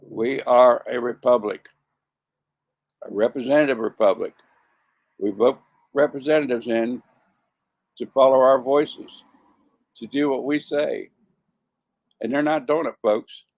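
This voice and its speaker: Man, 70s, gravelly, halting delivery with frequent restarts; casual to-camera monologue. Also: medium pitch, darkish tone. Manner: stumbling, repeats and corrects himself. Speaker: vlogger.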